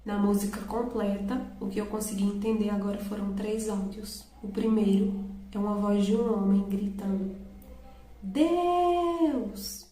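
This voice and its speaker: A woman's voice: mid-range voice, completely flat delivery, moderate pace, dark tone, echoey room, poor audio. Awed woman sharing a testimony. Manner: earnest, awed. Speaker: testimony vlogger. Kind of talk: personal testimony to viewers.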